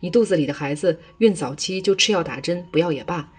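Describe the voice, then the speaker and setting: 一个女人为一位强势自私的婆婆配音，语气平直，像照本宣读。. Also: female voice, fairly low pitch, fast talker, darkish tone, breathy edge. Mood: scheming. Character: stern older mother-in-law, self-serving and blunt.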